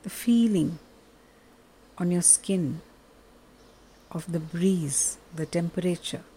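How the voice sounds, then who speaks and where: A woman leading a guided meditation in a soft, calm, soothing way, leaving long pauses. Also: lowish voice, slight background noise, poor audio.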